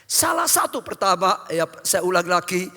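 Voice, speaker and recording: Male pastor, high bright voice, repetitive preaching cadence, reverberant church hall with faint music. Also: very animated, normal speed, gravelly. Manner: repetitive, addresses the congregation as brothers. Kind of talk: sermon.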